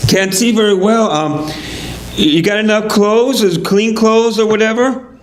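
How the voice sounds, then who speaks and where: A man's voice: sits high, a little slow, pitched above the performer's own voice. A man voicing a helpful male passerby who makes friendly, offhand offers. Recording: echoey hall, faint noise.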